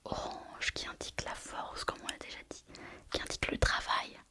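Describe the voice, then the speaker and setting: A woman playing a mystical fortune teller in a whispered role-play, repeating her phrases as she reassures the listener. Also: natural voice. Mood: amazed, mysterious. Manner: slow, repetitive fortune-teller delivery, addressing the listener. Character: mystical female fortune teller reading horoscopes, mysterious and reassuring.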